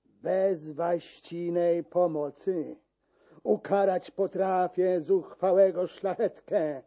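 A stern older district official, as a man puts him on in a dramatic verse reading. He rebukes slowly in a dark, husky voice. The recording sounds dull and lo-fi. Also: high-pitched, fairly even intonation, heavily acted.

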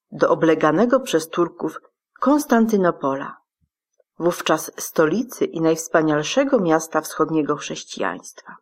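Female radio host, formal and measured, reading a prepared script in a lowish voice. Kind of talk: scripted presentation.

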